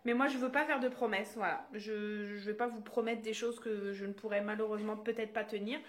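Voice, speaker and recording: A woman's voice: mid-range voice, steady tone, fairly quick. A young woman and mother filming a casual home vlog on her phone in her child's bedroom, chatty with many fillers, turning sing-song when she talks with her small children. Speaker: vlogger and mother. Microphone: phone held while filming.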